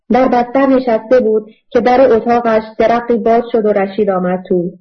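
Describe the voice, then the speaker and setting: A woman with a medium-pitched voice reads a novel aloud in steady, measured scripted narration. The audiobook recording sounds dull and lo-fi.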